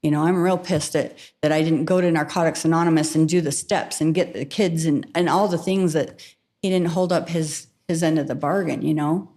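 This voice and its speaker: A middle-aged woman candidly telling her recovery story as a podcast guest, frank and quick to laugh, with trailing fillers. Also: sits low, steady tone, warm tone.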